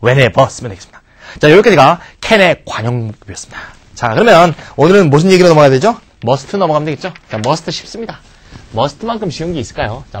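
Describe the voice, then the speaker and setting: A middle-aged man teaching English grammar in a recorded video lecture, animated and playfully teasing, asking rhetorical questions and answering them himself. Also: on the high side.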